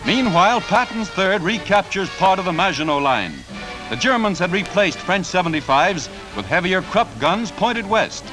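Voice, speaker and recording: A man's voice: sits high, animated, moderate pace, low-quality recording. Man in 1940s newsreel narration. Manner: punchy announcer delivery with wry quips. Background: music score.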